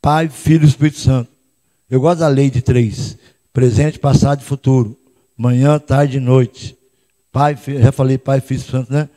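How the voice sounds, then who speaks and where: A pastor with a Brazilian Portuguese accent preaches at a moderate pace in a mid-range voice, calling out for the congregation's responses. Loud shouts give way to quiet asides, all under a church hall's long reverb.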